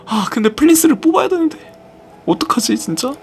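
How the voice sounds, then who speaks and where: A young man, a YouTuber, chatting casually while playing a game, rambling to himself with sudden excited outbursts. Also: extremely high pitch, quick pace. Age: young adult. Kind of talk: casual game-stream chat.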